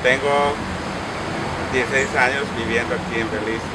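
A man in his forties from Honduras, giving a halting, hesitant staff testimonial outdoors. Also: medium pitch, steady tone. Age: 40s. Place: outdoors by a fence. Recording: distant voice with loud noise.

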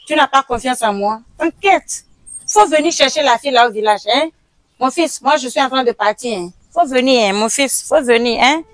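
Woman playing a shrill scolding village mother. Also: moderate pace, no room sound, close to an everyday voice, poor audio. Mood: coaxing. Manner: emphatic, repeats questions insistently.

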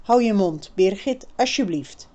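A woman's voice: medium pitch, lively intonation, measured pace, close to an everyday voice. A woman doing a subdued, curt young boy. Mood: grave. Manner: quiet and curt.

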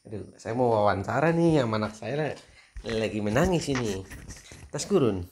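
A man's voice: mid-range voice, lively intonation, normal speed, a little mellow. A father chatting on a home family vlog in a light, teasing way, often breaking into laughter. A faint background hiss sits under his voice. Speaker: father filming his daughter. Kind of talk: casual family vlog chat.

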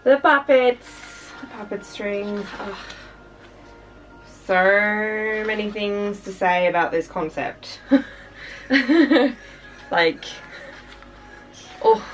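A young woman from Australia chats her way through an album unboxing, gushing, sighing and dropping fillers. She talks slowly and unhurriedly at a middling pitch. Her voice sits a little back from the mic, with faint music underneath. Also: far from the mic, poor audio. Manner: gushing, chatty, lots of fillers and sighs. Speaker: K-pop reaction vlogger. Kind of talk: casual unboxing chat.

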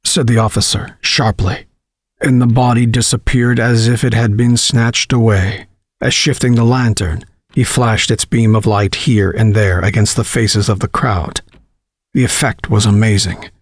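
A man narrates a horror story in a measured, dramatic reading. His voice sits low and sounds husky. It is recorded dry on a close mic, with no room sound. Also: fairly even intonation, no room sound.

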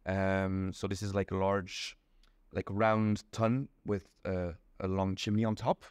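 A young man from Belgium talks as an in an unhurried, methodical way, pausing on ums as he explains. His voice sits a little low, and the room sounds dry and close. He is seated in a small indoor room and recorded on a camera. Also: level tone, darkish tone, clean tone, no room sound. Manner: patient, explains step by step with many ums. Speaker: interview guest. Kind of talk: casual explanatory chat.

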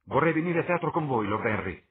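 A man's voice: mid-range voice, lively intonation, a little fast, voice pushed up, natural voice. A man doing an eager young man. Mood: eager youthful. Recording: tinny lo-fi with faint hiss.

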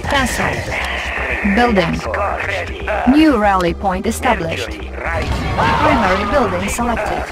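Calm female base computer. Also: medium pitch, slow pace, pauses often, low-quality recording. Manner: clipped, even status announcements. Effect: processed computer voice. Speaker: in-game announcer. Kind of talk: video game voice prompts. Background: game music and sound effects.

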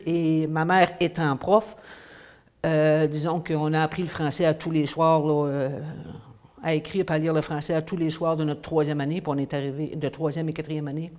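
A woman's voice: deep voice, level tone, moderate pace, darkish tone. A woman in her fifties with a Quebec French accent, a teacher answering interview questions in a small room, hesitant with many fillers. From grew up in the United States, then Quebec. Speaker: English teacher. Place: indoors, small room against a plain wall.

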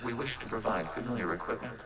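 A man voicing a calm, emotionless synthetic machine collective in a video game, speaking in flat, clipped, precise announcements. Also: medium pitch, fast talker, natural voice. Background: loud game music.

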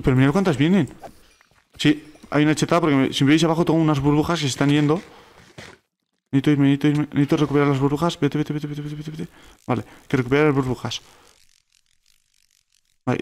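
Fast-talking Spaniard narrating gameplay. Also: male voice, medium pitch. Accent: Spain Spanish. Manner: excitable, repeats words rapidly when alarmed. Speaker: gaming YouTuber. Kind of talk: let's play commentary.

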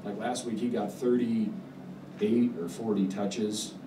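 Deep-voiced coach, halting and measured. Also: male voice, little pitch movement. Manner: measured, halting, many fillers and restarts. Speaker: head football coach. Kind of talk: post-game press conference answers. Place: press room with backdrop, indoors. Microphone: table mic on stand. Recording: roomy, distant mic, background noise.

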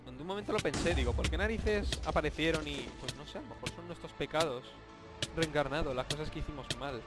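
A young man from Spain with a Spanish accent, giving jokey, excitable commentary over a Minecraft let's play, yelping and shouting when surprised. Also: on the high side, fast. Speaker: gaming YouTuber. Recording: game music playing behind. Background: game music.

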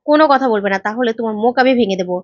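Woman reading as a commanding woman investigator, high and bold, dry lo-fi sound. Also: rapid-fire, no room sound, natural voice. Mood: angry. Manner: commanding, threatening retorts. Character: determined woman investigator, confident and fierce.

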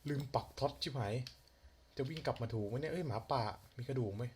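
A young man casually talking to himself while playing a game, chatty with quick exclamations and light swearing. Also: medium pitch. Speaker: gaming channel host. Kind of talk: casual let's-play commentary. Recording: faint fan noise and key clicks. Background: computer fan hum and keyboard clicks.

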